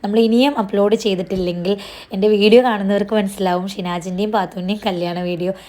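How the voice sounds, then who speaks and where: Woman vlogger, rapid chatty voice-over, slightly strained voice. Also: mid-range voice, steady tone, dark tone. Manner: chatty, sprinkles tag particles, talks fast. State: voice strained after losing it. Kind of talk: voice-over narration of a shopping vlog.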